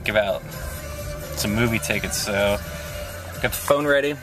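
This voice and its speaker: A man in his twenties chatting casually in a rambling, relaxed way with lots of ums, filming himself at arm's length, mostly from a car. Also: fairly low pitch, unhurried, over music. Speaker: vlogger. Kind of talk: casual vlog chat. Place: inside a car, also a hallway and home kitchen. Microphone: handheld camera at arm's length. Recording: loud car and road noise. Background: car and road noise.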